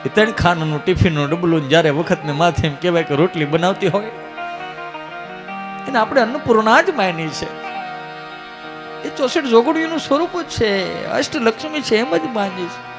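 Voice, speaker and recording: A man's voice: sits high, lively intonation, normal speed, music in the background. A man from telling comic stories on a live stage, acting out the characters' dialogue in shifting voices. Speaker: stand-up comedian. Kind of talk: Gujarati folk comedy storytelling. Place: live stage at a religious gathering.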